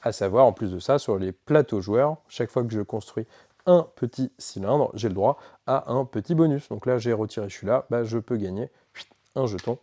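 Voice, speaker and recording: Man, game shop presenter, casual rules walkthrough, middle pitch. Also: normal speed, dark tone. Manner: casual, filler-heavy walkthrough with self-corrections.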